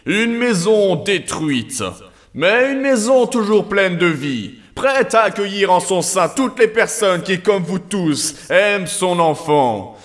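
A man playing a grandiose cult leader, preaching in a solemn, pompous, drawn-out way in an audio drama. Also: high voice, a bit bright, full character voice. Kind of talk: theatrical sermon in an audio drama.

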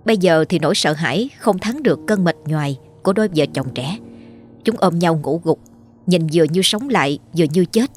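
A woman's voice: fairly low pitch, lively intonation, fairly quick. A woman storyteller giving a dramatic, scripted horror narration. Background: faint music.

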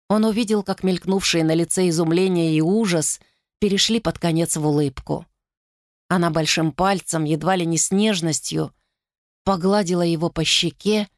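Woman, audiobook narration, steady dramatic reading, lowish voice, dry close sound. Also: no room sound. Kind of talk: scripted narration.

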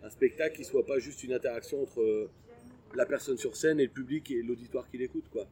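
A comedian from Picardy in casual conversation, rambling through a story with joking asides. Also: male voice, medium pitch, brisk, warm tone. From France, Picardy. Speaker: guest comedian. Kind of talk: casual interview chat.

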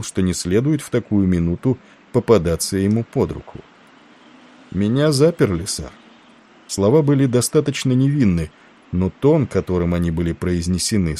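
Male narrator, low mellow voice, steady measured audiobook reading. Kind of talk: scripted narration.

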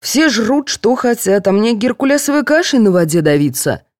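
A woman's voice: fairly high pitch, big pitch swings, moderate pace, a little mellow, no room sound, clean studio sound, pitched above the performer's own voice. A woman doing a whiny young patient. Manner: whining, pleading.

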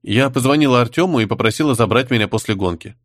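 A man reading the part of a composed young woman who answers an interrogation calmly and with pointed defiance. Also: medium pitch, dry recording, studio quality, lightly acted. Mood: calm defiant. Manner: calm, measured, pointed.

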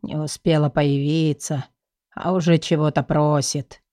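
A woman's voice: sits low, little pitch movement, measured pace, dark tone, dry recording, studio quality, voice pushed down. A woman voicing a grumbling ancient male house spirit with a muffled, whispery voice. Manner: grumbling, weary.

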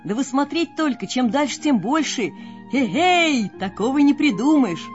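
A woman playing a loud, gleeful young simpleton. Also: high-pitched, big pitch swings, measured pace. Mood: gleeful, boastful. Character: cheerful boastful young male simpleton. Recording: dull lo-fi with faint music.

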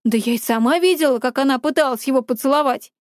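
A woman reading a jealous teenage schoolgirl in an audiobook, cold and accusing. Her voice sits high, and the recording is dry and close. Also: fast, no echo, natural voice. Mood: tense.

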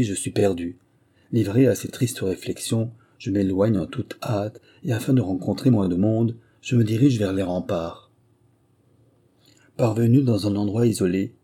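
A man reading a first-person memoir aloud as an audiobook narrator, in steady, measured storytelling. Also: lowish voice, breathy edge.

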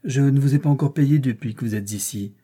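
Male narrator doing wealthy teasing gentleman, audiobook, mellow raspy tone. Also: medium pitch, fairly quick, close to an everyday voice. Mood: brusque. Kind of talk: audiobook reading.

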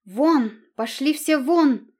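A woman voicing a domineering, cruel middle-aged queen mother who shouts harsh commands. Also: high voice, slow, pitched above the performer's own voice. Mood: furious.

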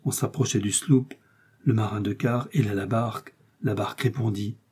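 Husky-voiced male audiobook narrator. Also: fairly low pitch, moderate pace, darkish tone. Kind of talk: scripted narration.

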